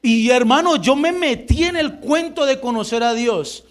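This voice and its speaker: A middle-aged man tells his conversion story to a congregation in an unusually high voice. He talks fast and vividly and acts out every voice in the story himself. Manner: animated storytelling, acting out quoted dialogue. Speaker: church member giving testimony. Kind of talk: testimony in a church service.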